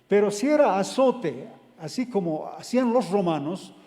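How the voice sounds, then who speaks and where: A man's voice: high voice, lively intonation, moderate pace, dark tone, in a large hall. A man preaching a sermon, who retells a scripture story step by step and then explains it.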